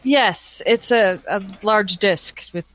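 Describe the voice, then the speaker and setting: A woman's voice: medium pitch, slow pace, fairly bright tone, rough recording. A woman chatting casually as a player in a tabletop role-playing game, hesitant and trailing off between phrases.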